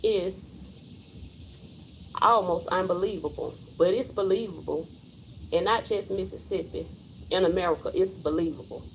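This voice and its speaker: A woman's voice: lowish voice, normal speed, pauses often, a little hiss or hum, rough recording. A woman in her forties, hosting a casual livestream and speaking her mind bluntly and emphatically. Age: 40s. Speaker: livestream host.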